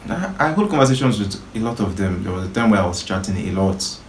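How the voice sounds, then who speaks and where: Young guy with a real low voice, teasing his sis, lots of laughing, echoey. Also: very animated, quick pace. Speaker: co-host. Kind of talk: casual chat. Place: outdoors. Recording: roomy echo, faint noise.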